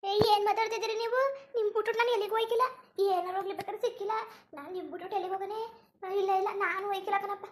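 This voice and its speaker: A woman's voice: extremely high pitch, fairly even intonation, rapid-fire. Woman voicing an anxious village daughter. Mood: protesting. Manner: anxious, pleading questions. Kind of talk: cartoon voice acting.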